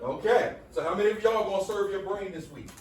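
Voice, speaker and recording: A man's voice: high-pitched, fast talker, crowd noise. A man leading a room of students in a call-and-response lesson, coaxing answers by repeating his questions with energy. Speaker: workshop speaker. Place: school classroom with students. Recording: echoey room from far off.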